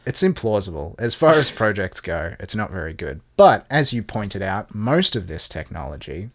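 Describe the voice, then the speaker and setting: A man co-hosting a podcast, his voice sitting on the low side. He talks casually and at length, swears often and keeps restarting his sentences. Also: big pitch swings, moderate pace. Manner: sweary, rambling, lots of restarts. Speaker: podcast co-host.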